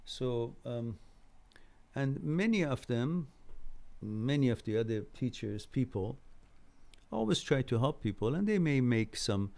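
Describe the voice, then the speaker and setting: In a casual live question-and-answer session on mental health, a middle-aged man who grew up speaking Farsi explains things haltingly, stopping to pause. His mid-range voice is expressive and a little mellow, with some vocal fry.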